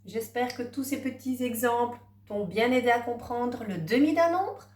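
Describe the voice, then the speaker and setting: A woman teacher giving a gentle math lesson to a young child, counting aloud step by step. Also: on the high side, normal speed, reverberant, far from the mic. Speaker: primary school teacher.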